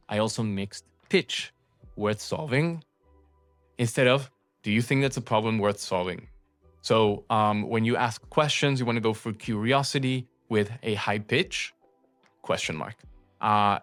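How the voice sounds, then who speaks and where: A man's voice: on the low side, a bit bright, clear, resonant tone, dry recording. A man hosting a sales course, recapping a lesson in a casual way with many filler sounds. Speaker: course host.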